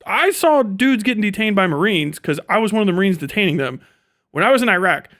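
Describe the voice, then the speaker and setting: A fast-talking man with a high voice runs a casual livestream, riffing off the cuff. Blunt, slangy and profane, he animatedly performs little bits of imagined dialogue as he goes.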